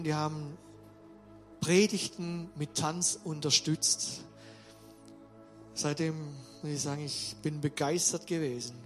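A man preaching a sermon with emphatic delivery, swinging between loud, drawn-out stresses and quiet asides. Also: on the high side. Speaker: pastor.

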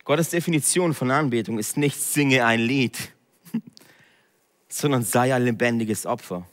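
A man, preaching a direct sermon that swings between hushed and loud emphatic passages. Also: mid-range voice, a little slow, in a large hall. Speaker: pastor.

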